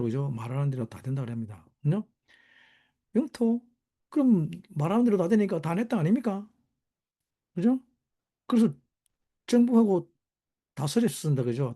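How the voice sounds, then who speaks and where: A man teaching the Bible in a sermon, talking rhetorically and asking his listeners "right?" again and again, with sudden jumps in pitch for emphasis. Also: dark tone, husky.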